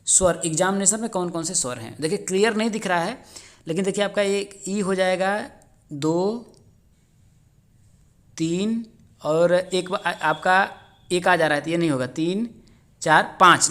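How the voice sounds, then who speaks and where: A man's voice: sits high, normal speed, a bit bright. Man quizzing students on exam answers. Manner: keeps asking the answer back as a rhetorical question; friendly, addresses viewers as friends. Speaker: exam-prep teacher on a video channel. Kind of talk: explaining exam answers step by step.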